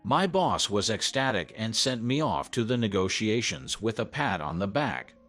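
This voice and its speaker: Low-voiced man narrating a story. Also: sing-song, normal speed. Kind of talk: scripted first-person story narration. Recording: soft background music.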